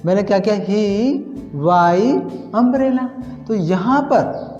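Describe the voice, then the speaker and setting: A man's voice: high voice, expressive, extremely slow, a little mellow, soft background music. A man teaching English grammar in Hindi, repeating each point and asking his students questions. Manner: repetitive, quizzing himself with questions. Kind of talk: Hindi classroom lesson at a whiteboard. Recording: echoey room, dull lo-fi sound.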